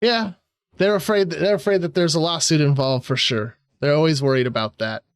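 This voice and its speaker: A man hosts a podcast and chats in a laid-back, agreeing way, swearing bluntly. His voice sits high for a man. The recording is dry and close-miked. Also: brisk, clear, resonant tone, no room sound. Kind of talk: casual chat.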